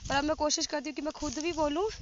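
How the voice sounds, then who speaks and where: Woman teaching english in a field, high bright voice, slow careful english bits, dull windy phone sound. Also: steady tone. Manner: reads each Hindi sentence then slowly says it in English. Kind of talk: casual spoken English lesson. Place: outdoors in windy fields while grazing cattle. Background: wind and rural outdoor sounds.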